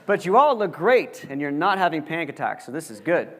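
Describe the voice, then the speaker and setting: A man's voice: fairly high pitch, sing-song, a little fast. A young man giving a casual lecture to college students, chatty and joking, full of fillers. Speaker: guest lecturer. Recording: long reverb of a large hall.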